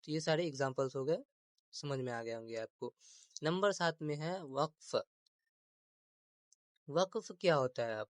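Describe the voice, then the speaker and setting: An Urdu grammar teacher delivers a lesson in a slightly higher-than-usual voice, recorded dry and close with no room sound. He draws out key terms slowly and repeats them, asks rhetorical questions to check that listeners follow, and mixes English words into his teaching.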